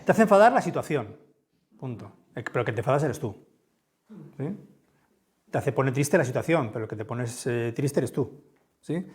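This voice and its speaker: Booming-voiced man lecturing a crowd. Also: expressive, moderate pace, pauses often, a little mellow. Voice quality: big booming voice. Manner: conversational, often asking "¿no?" to check in with listeners. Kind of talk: conference talk with audience questions. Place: lecture room.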